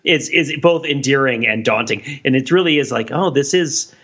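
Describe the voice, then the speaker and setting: A middle-aged podcast co-host talks casually at a moderate pace in a medium-pitched, a bit bright voice, discursive and analytical with a wry sense of humor. The recording sounds dull and lo-fi.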